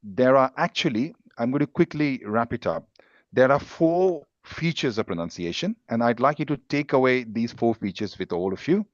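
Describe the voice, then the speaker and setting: A man's voice: medium pitch, animated, normal speed, dry recording, dull audio. A man teaching an English pronunciation class on a video call, explaining patiently with examples.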